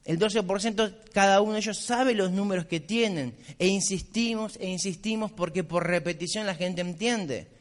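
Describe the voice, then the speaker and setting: High-voiced mentor, blunt and insistent, long hall reverb. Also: male voice, moderate pace, few pauses. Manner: blunt, insistent, repetitive exhortation. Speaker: business mentor. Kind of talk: motivational speech.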